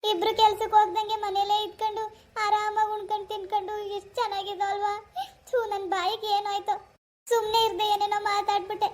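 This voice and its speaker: A woman voicing a self-pitying, sharp-tongued village wife in a cartoon, lamenting and scolding. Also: extremely high pitch, little pitch movement, fast. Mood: regretful. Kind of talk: Kannada cartoon voice acting.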